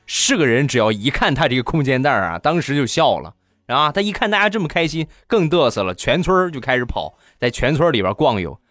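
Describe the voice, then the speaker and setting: Lively comic storyteller man. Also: medium pitch, quick pace, no room sound. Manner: lively, playful, animated delivery. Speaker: comedian. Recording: dry studio with faint music.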